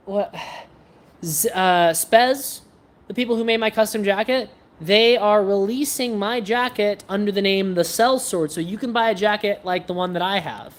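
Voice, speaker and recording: A woman hosting a casual livestream, chatting with viewers in a scattered, self-interrupting way as she shows her practice swords. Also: mid-range voice.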